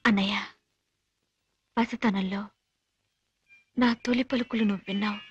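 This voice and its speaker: An actress playing a heartbroken young sister, speaking slowly and mournfully over the phone, heard over loud film music. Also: female voice, mid-range voice, fairly even intonation, husky, dry recording, dull audio. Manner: slow, mournful speech.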